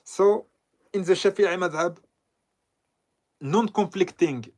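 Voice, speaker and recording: A man from southern Lebanon giving a lecture on a text, talking in a halting way with frequent pauses and self-corrections. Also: high voice, a little mellow. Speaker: Islamic scholar lecturing. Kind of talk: lecture commenting on a read text.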